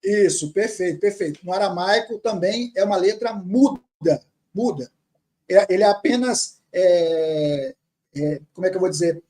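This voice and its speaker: A man teaching grammar, reading words slowly from a text and repeating them patiently. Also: high voice, mellow. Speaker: teacher of Syriac Aramaic.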